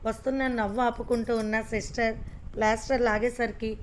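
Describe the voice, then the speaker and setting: A woman reading a serialized story aloud as narrator, in a steady storytelling tone. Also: a little high, normal speed, slight background noise.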